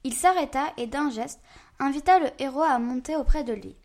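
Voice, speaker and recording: A woman's voice: sits high, moderate pace, darkish tone. A woman reading a storybook aloud carefully, with occasional slips.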